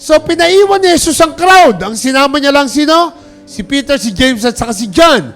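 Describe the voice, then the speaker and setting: High-pitched male pastor, call-and-response sermon delivery, faint music bed. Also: animated, normal speed, a bit bright. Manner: preaching with call-and-response, urging applause; mixes English phrases into his talk.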